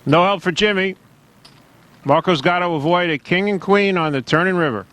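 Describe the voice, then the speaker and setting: A man's voice: high voice, normal speed, fairly bright tone. Wry poker commentator man, raised voice. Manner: wry, joking. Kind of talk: tournament commentary.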